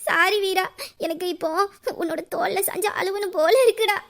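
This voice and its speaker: Woman doing a weepy young woman w a revenge secret, super high squeaky voice, audio drama. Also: fairly even intonation, moderate pace. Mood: pleading. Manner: sobbing, pleading, guilt-ridden. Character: tearful young woman hiding a revenge scheme. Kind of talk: emotional audio drama acting.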